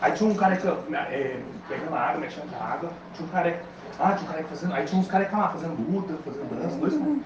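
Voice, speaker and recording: Excitable fast-talking young Brazilian man, echoey. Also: fairly high pitch. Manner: slangy, excitable, laughs while telling. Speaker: dream storyteller. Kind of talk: casual rambling anecdote. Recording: echoey lo-fi phone recording from far off with noise.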